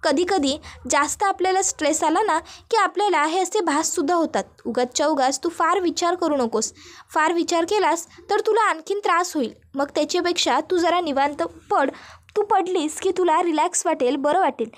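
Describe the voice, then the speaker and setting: Woman reading a soothing mother-in-law, very high voice. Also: moderate pace. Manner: soothing, reassuring. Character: caring middle-aged mother-in-law.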